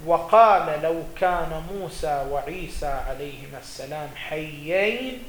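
A man's voice: a little high, expressive, a little slow, a bit bright. Man lecturing on religious law. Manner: reads quoted texts aloud then explains them, with some restarts. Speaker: religious scholar teaching jurisprudence. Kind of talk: seminary lecture reading and explaining texts. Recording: echoey room with faint ambience.

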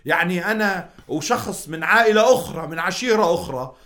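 A man's voice: high voice, quick pace, pushed and bright. A man speaking as a religious scholar on radio, explaining in a didactic way, restating points with examples and hesitations. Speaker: religious scholar, seminary teacher.

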